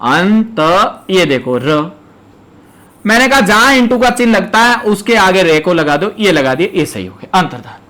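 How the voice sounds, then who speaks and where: A man with a high, light voice gives an exam prep lecture from Rajasthan. He drills each rule again and again and talks directly to his students, step by step. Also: expressive, fairly quick, few pauses, pushed and bright. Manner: emphatic, repetitive drilling of rules. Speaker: teacher.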